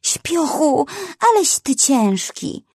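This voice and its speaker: A woman voicing a brave, eager young female rhinoceros who talks high and flustered. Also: sing-song, very slow, warm tone, dry recording, clean studio sound, full character voice. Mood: panting.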